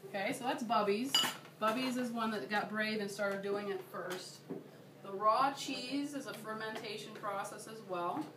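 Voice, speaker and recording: A woman's voice: medium pitch, normal speed. A woman giving a casual, enthusiastic workshop demonstration, chatty and checking in with her listeners. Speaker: workshop presenter. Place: workshop room. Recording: roomy, distant, noisy room recording.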